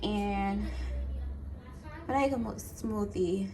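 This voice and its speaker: A young American woman talks through her day in a casual, informal vlog style. Her voice sits at an average pitch, recorded on a handheld camera at home with clear household noise behind it. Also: takes it slowly, dark tone. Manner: informal, conversational. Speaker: home vlogger. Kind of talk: casual vlog chat, narrating chores and cooking. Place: indoors at home, kitchen. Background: household appliance noise.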